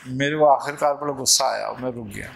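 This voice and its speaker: A man with a gravelly, creaky voice tells a spiritual story as a Sufi sheikh, animated and lively, acting out each character's lines. His pitch sits in the middle range, and faint noise runs under the recording. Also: fast talker, low-quality recording. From Pakistan. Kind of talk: storytelling talk.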